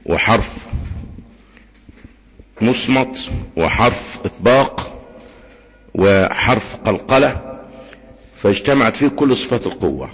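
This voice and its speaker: A man with an Egyptian accent teaching Quran recitation rules, patiently asking the class questions, answering them himself and chanting examples slowly. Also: on the low side. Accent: Egyptian Arabic. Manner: demonstrates recitation with slow drawn-out chanting. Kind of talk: tajweed lesson. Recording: dull lo-fi recording with long reverb.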